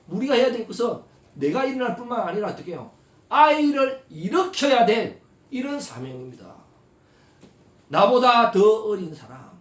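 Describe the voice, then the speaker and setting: A male pastor preaching a sermon, constantly asking the congregation rhetorical questions and swinging between soft asides and loud, emphatic exhortation. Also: sits high. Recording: echoey hall, voice from far off.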